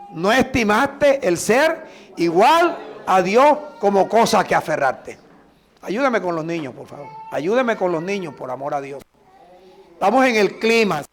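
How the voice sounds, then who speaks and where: A middle-aged man from Colombia, a pastor preaching a sermon with emphatic, drawn-out phrases and prayers. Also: sits high.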